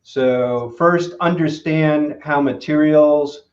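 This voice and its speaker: A man's voice: fairly high pitch, slow. Hesitant technical man on a lo-fi call. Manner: technical, hesitant with many fillers. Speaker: guest expert. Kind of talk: live web show interview. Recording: roomy, dull lo-fi call audio.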